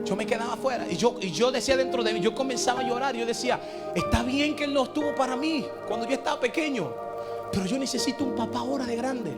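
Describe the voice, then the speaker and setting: A man's voice: very high voice, quick pace. A young adult male pastor, preaching with impassioned storytelling. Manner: impassioned storytelling, building to shouts. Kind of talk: sermon. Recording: loud music under the voice.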